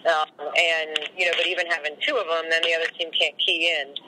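A woman's voice: low-pitched, level tone, fast talker, background noise. A woman head coach answering questions in a post-game interview, rambling and full of "you know" fillers.

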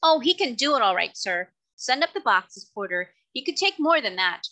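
A woman's voice: a little high, sing-song, normal speed, sharp tone, no echo, voice pushed up, exaggerated voice. A woman doing a brash cab driver. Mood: dismissive. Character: harsh, careless male cab driver.

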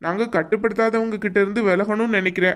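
A woman's voice: medium pitch, steady tone, quick pace, natural voice. A woman voicing an irritable young man in a cartoon, with a Kanyakumari Tamil accent and a curt, scolding manner. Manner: scolding, impatient. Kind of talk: cartoon voice acting.

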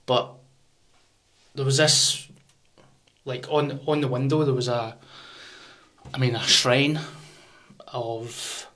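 A man's voice: medium pitch, steady tone, takes it slowly, pauses often, sharp tone. Man chatting in broad Scots. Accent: broad Scots, Glaswegian. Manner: slangy, matey, informal. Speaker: podcast host. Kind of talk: casual chat, interviewing. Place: small podcast studio. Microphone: close studio condenser on arm.

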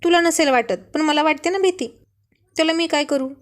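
A woman's voice: sits high, steady tone, moderate pace, natural voice. A woman voicing a fussy, stubborn young wife who is scared of a lizard, talking in squealing, petulant complaints. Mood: scared, sulky.

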